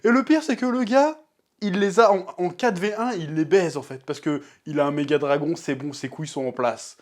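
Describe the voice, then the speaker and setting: A young man giving a casual, slangy episode review, animated and acting out scenes in quick voices. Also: fairly high pitch. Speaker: TV series reviewer.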